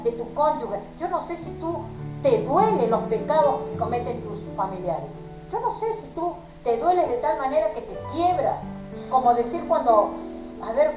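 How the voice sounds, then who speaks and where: A woman's voice: high-pitched, reverberant, rough recording. A woman preaching a sermon to a women's group, pleading and emotional, addressing her listeners as sisters.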